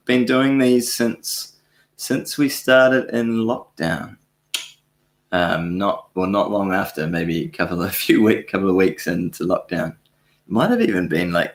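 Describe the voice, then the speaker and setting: Male streamer host, lower voice, loose rambling delivery with frequent chuckles, roomy echo. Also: a little slow. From New Zealand. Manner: rambling, self-correcting, chuckles often. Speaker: livestream host answering viewer questions. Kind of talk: casual live Q&A chat. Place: home studio.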